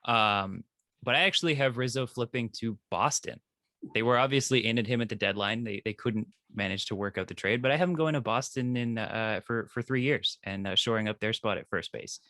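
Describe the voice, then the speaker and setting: Quick, lowish-voiced man, dry close sound. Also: bright, forceful tone, dry recording. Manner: analytical, conversational. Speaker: sports podcast panelist. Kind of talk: casual sports analysis.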